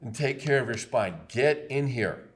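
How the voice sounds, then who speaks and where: This chiropractor from Texas, in his fifties, runs a laid-back health podcast. His mid-range voice is expressive and moves at a moderate pace, and his delivery is emphatic and preachy, with frequent repetition.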